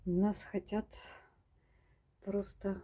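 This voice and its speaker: A woman showing her houseplants in a casual vlog at home, speaking softly and often dropping to a whisper as she talks to her viewers. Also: mid-range voice, little pitch movement, drawn-out words, slightly rough. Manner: soft-spoken, often drops to a whisper, addresses viewers as girls. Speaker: plant vlogger. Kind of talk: casual plant-collection vlog. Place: home among houseplants, indoors.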